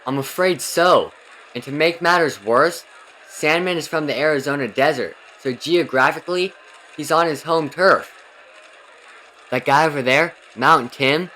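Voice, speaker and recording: A man's voice: fairly high pitch, moderate pace, pushed and bright, a little hiss or hum, poor audio. A man voicing an earnest young horse racer in an emphatic, overacted anime fan dub, explaining as he goes. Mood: earnest, concerned.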